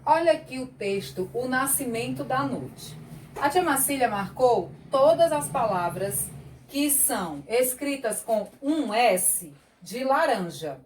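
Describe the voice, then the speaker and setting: A Brazilian Portuguese woman teaches young children in a high, lively, sing-song voice. She speaks slowly and stretches out each word she sounds out. She is a bit away from the mic in an echoey room. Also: distant mic, slight background noise. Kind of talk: children's lesson.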